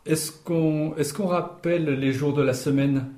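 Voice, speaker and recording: Guy teaching a language class, slow and patient, echoey room. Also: fairly high pitch, steady tone, warm tone. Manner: patient, explains step by step. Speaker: Esperanto teacher. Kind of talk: language lesson.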